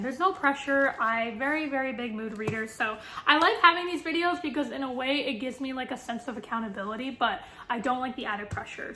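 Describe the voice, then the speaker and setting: A woman's voice: high-pitched, sharp tone, echoey room, slight background noise. A woman book vlogger chatting casually to camera about her reading list, with lots of fillers and self-deprecating asides.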